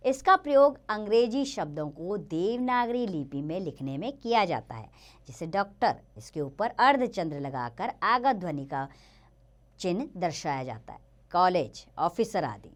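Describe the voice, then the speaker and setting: A woman gives a grammar lesson for children in a lively, up-and-down voice. She explains patiently and draws out each example word slowly and clearly. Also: fairly low pitch. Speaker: teacher.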